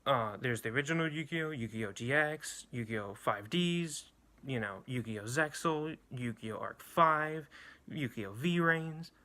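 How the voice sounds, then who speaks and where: A man's voice: mid-range voice, unhurried, sharp tone. A young man rambling bluntly and profanely through an anime ranking, with many restarts and fillers. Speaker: anime reviewer. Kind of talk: casual ranking rant.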